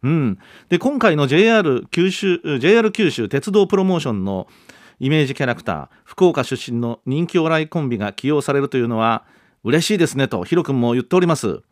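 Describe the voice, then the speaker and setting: A man's voice: a little high, lively intonation, fast talker, no echo, clean studio sound. A man in his fifties hosting a radio show, reading listener mail in a chatty, polite, self-deprecating way. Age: 50s. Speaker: radio host.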